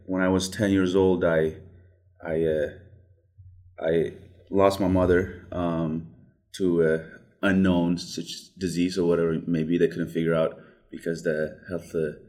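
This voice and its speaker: A man's voice: deep voice, little pitch movement, measured pace, a little mellow. A young man from Ethiopia whose first language is Amharic, talking through his story in a casual interview, hesitant with frequent restarts. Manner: hesitant, many restarts and fillers. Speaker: guest.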